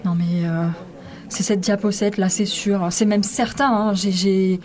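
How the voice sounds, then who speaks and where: A woman's voice: mid-range voice, fairly even intonation, a little slow, darkish tone, lightly acted. A woman voicing an anxious, stammering inner voice of a young doctoral student in a radio fiction. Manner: hesitant, stammering, worried.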